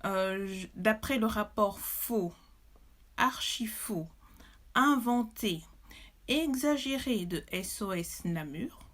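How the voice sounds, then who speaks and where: A woman's voice: mid-range voice, lively intonation, slow pace, a bit bright. A woman from Belgium, telling her story as a mother, emotional and indignant, with many hesitations. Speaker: mother testifying. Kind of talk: personal testimony to camera.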